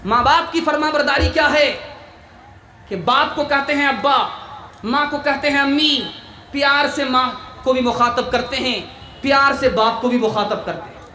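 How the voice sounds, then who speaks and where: Man, Islamic preacher, impassioned sermon, rhythmic repeated phrases, bright edgy tone, echoey room. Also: very high-pitched, slight background noise. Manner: rhythmic, repetitive preaching that rises to shouts. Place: religious gathering.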